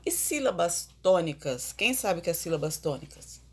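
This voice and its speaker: A woman teacher giving an online grammar lesson, explaining slowly and putting questions to the class. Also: on the low side, very animated, a little mellow, slight background noise.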